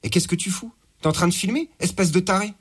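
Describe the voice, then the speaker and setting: A man's voice: high-pitched, fast, slightly rough. A man voicing a defiant captive who answers his jailer with sarcasm. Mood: furious. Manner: sarcastic, scornful.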